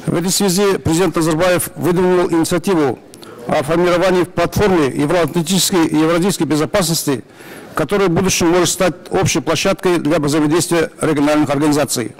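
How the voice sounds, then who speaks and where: A male delegate from Kazakhstan delivers a prepared statement at an assembly in a brisk, official reading voice. His voice sits somewhat high for a man, and he races through the text at a fast clip, pausing only to clear his throat. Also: poor audio. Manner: reads quickly and officially, clears throat at times. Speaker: parliamentary delegate. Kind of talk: formal prepared speech. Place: assembly hall.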